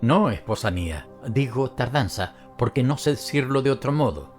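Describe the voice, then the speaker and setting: A mild, long-suffering husband answers in quiet, restrained tones, read by the male narrator. His delivery is apologetic and even, with faint music under the audiobook. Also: medium pitch, normal speed, close to an everyday voice. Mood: meek. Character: meek, calm, mild-mannered husband. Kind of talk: audiobook character reading.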